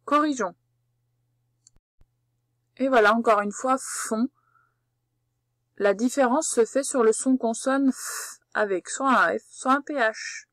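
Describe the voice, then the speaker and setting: A woman with a fairly high voice leads a spelling dictation, speaking very slowly and patiently. Each letter is spelled out clearly for the listener. The sound is dry and close, with no room around it. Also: fairly bright tone, dry recording. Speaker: teacher. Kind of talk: slow spelling dictation lesson.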